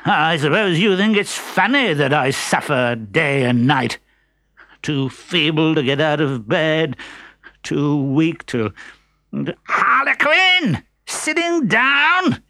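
A man's voice: fairly high pitch, sing-song, slow pace, pushed and bright, dry recording, studio quality, full character voice. A man doing a whiny old hypochondriac miser. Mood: indignant. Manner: whining, complaining.

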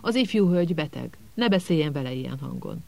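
A fussy, self-important minister, voiced by a male reader speaks with officious indignation in a gravelly voice. He sounds used to being obeyed. It is an audiobook character. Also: a little high, animated, darkish tone.

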